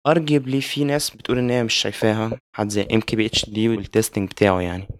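Quick Egyptian man blending English into Arabic. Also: on the low side, fairly even intonation, no room sound. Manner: mixes English words and phrases into Arabic. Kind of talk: casual tech discussion.

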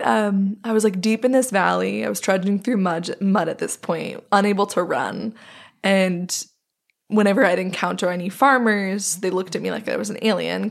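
A woman hosting a casual conversation, reflective and pausing as she asks questions and shares stories. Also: medium pitch, creaky. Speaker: podcast interviewer.

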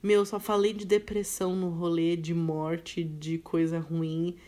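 A young woman with a lowish, unhurried voice chats casually as a podcast co-host. She's relaxed and slangy, joking at her own expense.

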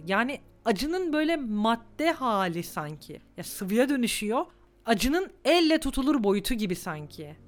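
A woman in her twenties hosting a solo podcast, talking candidly and emotionally, close to tears at times. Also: fairly high pitch. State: on the verge of tears. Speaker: podcast host. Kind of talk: reflective solo podcast monologue.

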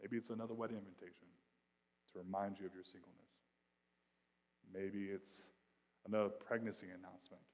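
A male pastor preaching a sermon in a conversational style, with slang and quick asides, moving between quiet reflection and loud, intense passages. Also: low voice, level tone, in a large hall.

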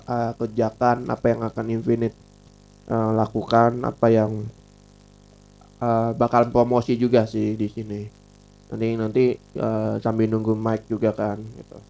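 A man with an Indonesian accent hosts a casual live chat in a medium-pitched voice. His speech has a slight lisp. He talks informally and tends to repeat short phrases. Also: creaky, warm tone. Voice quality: self-described slurred R and L speech. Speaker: live stream host and podcaster.

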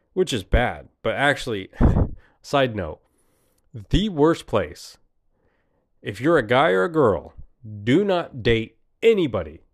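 A man giving a casual, emphatic monologue, laughing often as he talks. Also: medium pitch.

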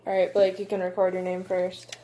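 A woman's voice: on the low side, completely flat delivery, fairly quick, warm tone, slight background noise. A young woman at home, casually explaining game rules to a child while they play. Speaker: channel host playing a card game with a child. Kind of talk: casual chat. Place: home, indoors.

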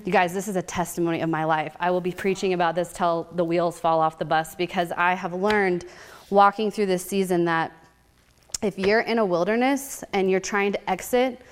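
A woman in her thirties giving an energetic, candid teaching talk about her own hard years, laughing at herself. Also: on the low side, moderate pace, smooth. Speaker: guest speaker.

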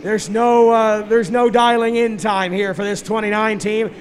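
A man's voice: high-pitched, flat delivery, measured pace. A man giving live play-by-play as a motorsport commentator at a stock car race. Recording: noisy trackside ambience.

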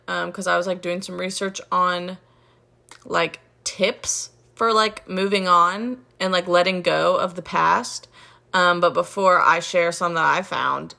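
A young woman co-hosting a faith podcast, chatting quickly and agreeably and laughing often. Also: on the low side, fairly even intonation, vocal fry, sharp tone. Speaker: podcast co-host. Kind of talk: casual chat.

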